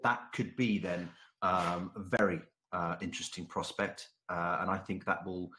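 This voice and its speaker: Deep-voiced man hosting a voice chat. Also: steady tone, moderate pace, sharp tone. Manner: hesitant, many ums and repeats. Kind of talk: casual voice chat questions.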